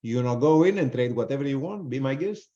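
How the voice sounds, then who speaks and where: A man with a non-native English accent runs a trading webinar, giving blunt, casual live commentary and taking audience questions while swearing freely. His mid-range voice is warm and expressive, and he talks a little fast. The webinar audio sounds dull and lo-fi.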